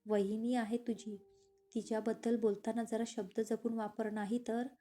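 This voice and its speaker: A woman's voice: on the high side, level tone, moderate pace, warm tone, natural voice. A woman voicing a stern, brooding male boss who has given up revenge for love, in an audio story. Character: brooding man, a stern boss turned lovestruck.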